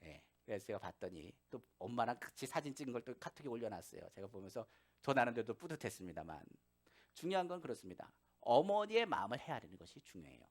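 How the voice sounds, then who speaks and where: A man's voice: medium pitch, fast. A male pastor preaching a sermon in church, telling stories and acting out the voices in them. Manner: animated storytelling, acting out quoted voices. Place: church sanctuary.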